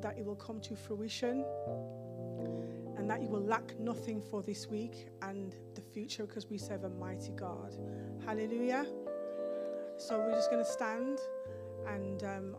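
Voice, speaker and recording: Woman praying fervently over music. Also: mid-range voice. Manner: fervent, repetitive praying, rising in intensity. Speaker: church minister closing the service. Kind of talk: prayer. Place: church hall stage. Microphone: handheld mic.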